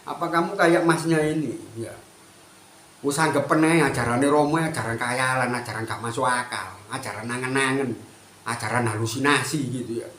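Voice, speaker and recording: A man talks through spiritual teachings in a lively, conversational way, with a mid-range voice. The recording is echoey, with faint background noise. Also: mid-range voice, normal speed. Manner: animated, mixes Indonesian and Javanese, chatty asides. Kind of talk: spiritual talk, addressing listeners.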